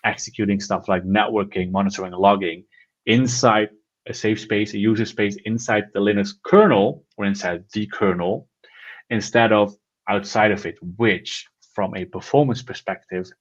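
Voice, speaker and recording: A man's voice: lowish voice, steady tone, moderate pace. A man co-hosting a casual tech chat, talking enthusiastically and rambling with restarts. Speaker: podcast co-host. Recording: slightly dull lo-fi sound.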